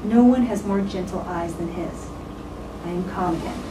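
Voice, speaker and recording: A woman reading a written tribute aloud in a solemn, measured way, with deliberate pauses between phrases. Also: fairly low pitch. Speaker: speaker at a memorial, giving a tribute. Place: reading aloud in a roomy venue. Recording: roomy echo, distant mic, clear background noise.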